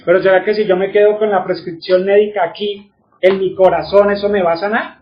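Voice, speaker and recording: A man's voice: high voice, little pitch movement, fairly quick, highs cut off, slight background noise. A man giving a religious teaching, who keeps asking his listeners questions and then answers them himself.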